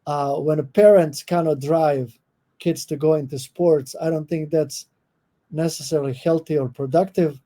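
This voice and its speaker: Croatian-accented man, dark mellow voice. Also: a little high, fairly even intonation, moderate pace. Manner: thoughtful, with many fillers and restarts. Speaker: guest professor. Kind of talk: podcast interview.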